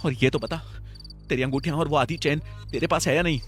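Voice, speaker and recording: A man's voice: fairly high pitch, fast talker, fairly bright tone, soft background music, pitched above the performer's own voice, lightly acted. A man voicing Vicky, a terrified young man alone at home at night, pleading with his friend in a trembling, panicky way in a Hindi audio story.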